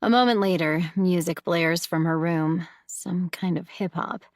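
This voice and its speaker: Slow, measured woman narrating an audiobook. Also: fairly low pitch, no echo, studio quality. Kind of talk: scripted first-person audiobook narration.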